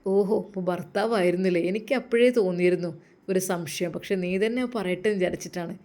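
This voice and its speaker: A woman's voice: lowish voice, fairly even intonation, fast talker, dark tone, lightly acted. A woman voicing a nosy female friend who pries and teases, in a told story. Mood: prying. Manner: teasing, prying.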